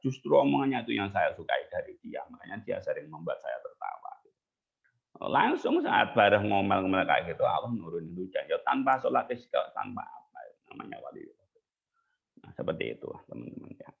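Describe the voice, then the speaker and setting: A man's voice: sits low, huge pitch swings, brisk, creaky, husky. A man telling stories in a casual, chatty sermon as a religious teacher. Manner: casual, chatty, mixes in local words. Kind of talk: storytelling sermon. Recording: tinny phone-like line.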